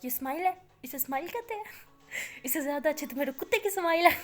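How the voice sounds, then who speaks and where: A woman's voice: high-pitched, fairly quick, faint music behind, lightly acted. A woman voicing a young woman who gets flustered and snaps back, in a told story. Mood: angry. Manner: flustered and sharp-tongued. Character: flustered, hot-tempered young woman, Rimsha. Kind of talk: storytelling with voiced characters.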